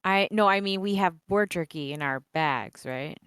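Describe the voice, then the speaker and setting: A woman's voice: fairly low pitch, normal speed, a bit bright, clean tone, no echo, clean studio sound. A woman chatting casually as a player in a tabletop game.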